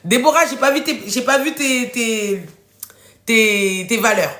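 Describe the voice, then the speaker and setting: Her voice a little high, a little slow, bright and forceful, a woman with a stuffy, runny nose from a cold leads a relaxed live coaching workshop in French. She addresses listeners informally and affectionately, cheering them on and reading their answers, in a roomy, echoing recording.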